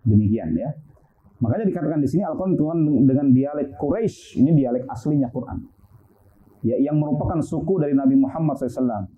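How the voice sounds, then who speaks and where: A man's voice: mid-range voice, expressive, fast talker. A man giving a casual, explanatory religious lecture on Quran sciences, full of fillers and rhetorical questions, in an online class. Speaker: Islamic studies teacher. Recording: tinny phone-like line.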